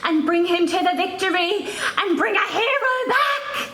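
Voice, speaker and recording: A woman's voice: extremely high pitch, animated, a little slow, pushed and bright, full character voice. A woman on stage playing a bubbly, bumbling novice pantomime fairy, speaking in cheery, theatrical sing-song rhyme. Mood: excited, casting spell. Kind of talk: stage pantomime narration to the audience. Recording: echoey theatre stage, faint room noise.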